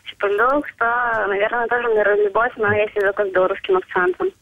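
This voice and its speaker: A woman's voice: mid-range voice, very animated, fast talker, gravelly, no echo. A young woman with a Belarusian accent, chatting casually and playfully as a phone guest on a radio show. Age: young adult. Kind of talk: casual chat. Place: on a phone call. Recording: thin narrowband telephone line.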